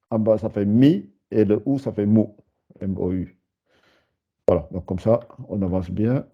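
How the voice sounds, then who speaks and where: A man teaching a live beginner Arabic lesson, patiently repeating and sounding out syllables slowly. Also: fairly low pitch, husky. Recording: dull lo-fi recording.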